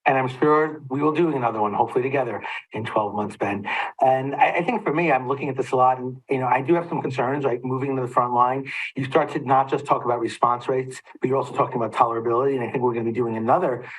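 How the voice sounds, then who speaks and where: Brisk man moderating a medical panel. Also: mid-range voice, steady tone, poor audio. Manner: brisk, friendly, steering the talk. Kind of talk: panel discussion.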